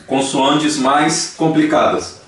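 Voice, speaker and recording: A Brazilian man teaches a language class, patiently saying each word slowly and repeating it for his students. His voice is mid-pitched and reaches the mic from across the room. The sound bounces around a big echoey church hall, with faint noise behind him. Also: fairly bright tone, distant mic. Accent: Brazilian Portuguese.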